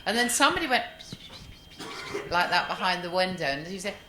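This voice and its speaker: A woman's voice: fairly low pitch, a little fast, background noise. An older woman telling chatty, laughing anecdotes as a panelist at a fan convention. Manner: chatty, laughing, lively storyteller. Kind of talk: casual anecdotes on stage. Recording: echoey hall, faint ambience.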